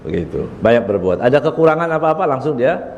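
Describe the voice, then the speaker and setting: A man's voice: mid-range voice, sing-song, fast talker, a little mellow, big-room sound, lo-fi sound, a little hiss or hum. A man, a religious teacher, giving a chatty study sermon in a prayer room, laughing often and acting out little quoted exchanges. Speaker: ustadz teaching a book on character.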